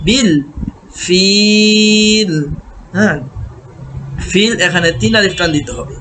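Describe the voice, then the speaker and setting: A man teaching Quran recitation, chanting verses melodically and then explaining pronunciation in quick speech. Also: high-pitched, background noise. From Bangladesh.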